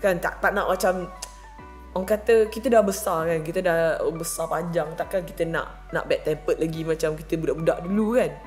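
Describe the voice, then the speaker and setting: A married woman vlogging, telling a casual story with lively acted-out quotes and English words mixed in. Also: moderate pace, faint music behind. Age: adult, married. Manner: animated, acts out quotes with big pitch jumps, mixes English in.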